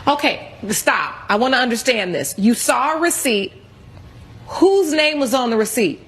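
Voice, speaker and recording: A woman's voice: on the high side, animated, moderate pace. A woman presiding as a TV court judge, questioning and ruling in a blunt, scolding, commanding way.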